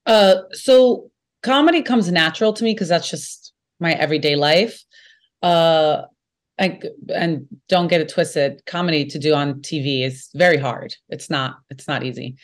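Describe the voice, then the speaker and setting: A woman with a Brooklyn accent, an actor and interview guest, talking in an animated, jokey way. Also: sits low, measured pace. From Brooklyn, New York. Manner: animated, jokey, lively storytelling. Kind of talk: casual interview chat.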